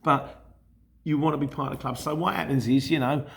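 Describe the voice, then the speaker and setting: A man's voice: medium pitch, fairly even intonation, fairly quick, gravelly. A middle-aged man from Luton with a Cockney-influenced London accent, chatting casually and rambling as he explains things in a vlog, often correcting himself. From Luton, England. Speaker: YouTube host and courier driver.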